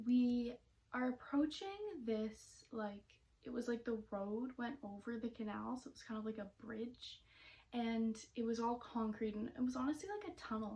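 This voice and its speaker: A woman's voice: a little high, a little mellow. A young woman telling a story in a casual vlog, chatty and rambling with lots of fillers. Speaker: vlogger.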